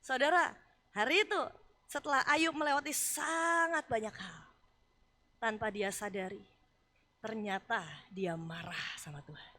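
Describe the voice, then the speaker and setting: High bright-voiced woman pastor preaching. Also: unhurried, pauses often. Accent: Indonesian. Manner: animated, acts out voices of Job and God; conversational, casual asides. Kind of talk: sermon.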